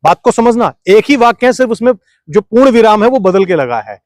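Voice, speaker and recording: A man with a high voice argues his case in a heated interview, piling up rhetorical questions and pushing back when interrupted. His voice sounds close and dry. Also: very animated, a little fast, a little mellow, dry recording. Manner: argumentative, fires rhetorical questions, keeps talking over interruptions. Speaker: interview guest.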